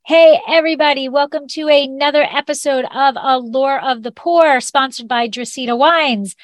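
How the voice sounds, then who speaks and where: A woman's voice: high-pitched, dry recording. A woman hosting a podcast, chatting in an upbeat, casual way with fillers and restarts. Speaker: podcast host. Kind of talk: casual interview chat.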